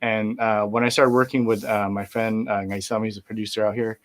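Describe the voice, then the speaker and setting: Lowish in pitch and a touch fast, a middle-aged man talks as the guest musician in a casual interview. He rambles comfortably, restarting sentences and leaning on many filler words.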